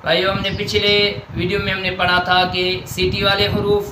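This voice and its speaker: A man with a Pakistani Urdu accent teaching Quran letter pronunciation, drilling letters slowly and deliberately. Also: high-pitched, monotone. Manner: slow, deliberate letter drills with stretched sounds. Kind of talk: Noorani Qaida pronunciation lesson. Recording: echoey room with faint noise.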